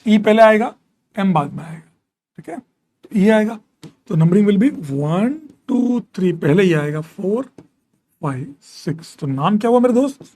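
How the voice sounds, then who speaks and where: Guy teaching chemistry online, high voice, counts numbers out loud, teases the students, mixes in english. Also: animated, unhurried. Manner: Hindi-English mix, scolds students jokingly; reads out student questions and answers them. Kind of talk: live online chemistry class.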